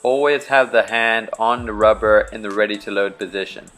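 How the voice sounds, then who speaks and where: A young Bahamian man, a charter fishing captain, giving relaxed step-by-step spearfishing instructions in a vlog. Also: on the low side, normal speed, faint music behind. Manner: relaxed, practical, step-by-step explaining.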